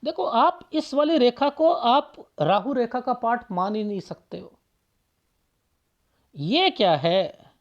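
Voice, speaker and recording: A man's voice: very high voice, animated. Man firing rhetorical questions, dull lo-fi sound. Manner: rapid rhetorical questions, repeats phrases for emphasis. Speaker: palmist. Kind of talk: explaining a palm reading to viewers.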